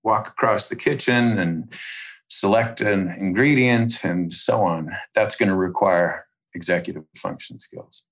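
Explaining as an expert interview guest, the man uses exact, measured academic wording and takes deliberate pauses. His voice is on the lowish side.

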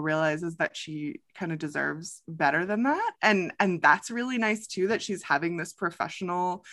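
A woman hosting a casual podcast chat, her voice bright and clear. She talks loosely and laughs often, with plenty of fillers between thoughts. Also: on the low side. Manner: chatty, laughing, many fillers. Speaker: podcast host.

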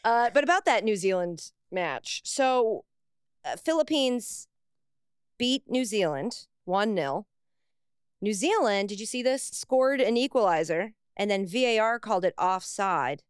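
Wry, smooth-voiced woman co-host. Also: mid-range voice, lively intonation, dry recording, clean studio sound. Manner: quick, wry, joking. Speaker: podcast co-host. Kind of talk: casual chat.

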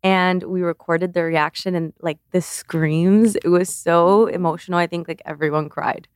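On a dry, studio-quality recording, a smooth, lowish female voice with fairly even intonation moves at a moderate pace. She is a beauty creator in her twenties, originally from Cuba, chatting casually and earnestly as an interview guest, full of fillers like "like" and restarted sentences.

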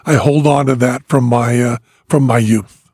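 A husky, darkish voice of medium pitch carries this middle-aged podcast co-host from Western Massachusetts, whose New England accent has faded, through casual chat and storytelling. He speaks at a moderate pace with fairly even intonation, laughs often, and trails off mid-sentence. The recording is clean studio sound without echo.

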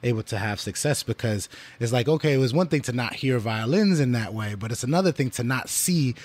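A man from Florida talks as a musician guest on a podcast, in an easygoing voice at a middle pitch. He thinks aloud and leans on fillers as he explains. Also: animated, a little fast, a little mellow. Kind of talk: casual interview.

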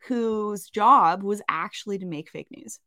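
Co-hosting a relaxed podcast, a woman with a Canadian accent talks at a measured pace in a medium-pitched, bright, forceful voice. She pokes fun at herself and keeps drifting into rambling asides, with no room sound on the recording.

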